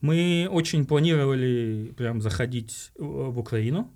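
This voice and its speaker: A man's voice: mid-range voice, a little slow, warm tone. A man from Uzbekistan, a marketing director, talking as a podcast guest and explaining his views at length, often calling his listeners "guys". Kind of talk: casual interview talk.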